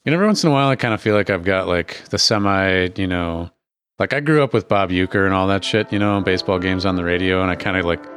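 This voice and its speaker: Low-voiced, chatty American game master. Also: male voice, fast talker, fairly bright tone, clean tone. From Milwaukee, USA. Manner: chatty, rambling, sweary. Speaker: game master and podcast host. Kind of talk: casual tabletop game narration and chat.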